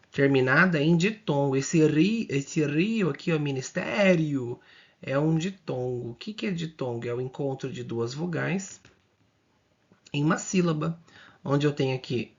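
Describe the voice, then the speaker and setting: Gravelly husky male teacher, lo-fi sound. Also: fairly high pitch. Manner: explains slowly and repeats, drawing out words, checking in often. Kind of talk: exam-prep grammar lesson.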